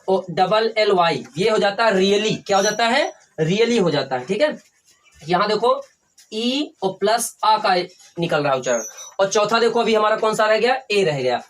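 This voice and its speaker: A man's voice: high voice, a bit bright. A male teacher from India giving a classroom phonics lesson, spelling words letter by letter, asking questions and answering them himself, often checking in with "ठीक है". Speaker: English teacher.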